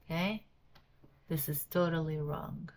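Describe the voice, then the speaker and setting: A woman's voice: deep voice, unhurried, a little mellow, slight background noise. A woman whose first language is Arabic, teaching English grammar, patiently explaining each rule and checking in with "okay?" after every point.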